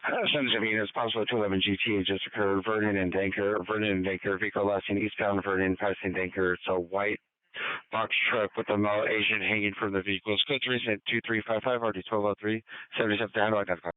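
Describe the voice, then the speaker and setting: Male police dispatcher heard over police radio, quick clipped delivery, monotone read. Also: lowish voice, dry recording. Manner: rapid clipped dispatch codes. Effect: police radio broadcast. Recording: tinny police radio channel.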